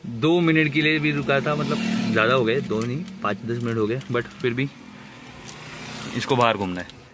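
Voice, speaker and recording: A man in his thirties with a Marathi accent talks excitedly into a phone held at arm's length, slipping English words into his chat. He sounds like he is on a road trip, recording outdoors and in a car. Traffic and open-air noise sit clearly behind his mid-pitched voice. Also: moderate pace. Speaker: travel vlogger. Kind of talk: casual travel vlog. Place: outdoors on a highway and inside a car. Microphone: handheld phone camera at arm's length.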